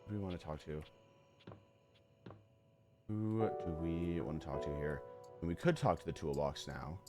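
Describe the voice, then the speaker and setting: A man streaming a game with casual, jokey commentary, reacting in an animated way. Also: sits low, moderate pace, music in the background. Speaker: gameplay streamer.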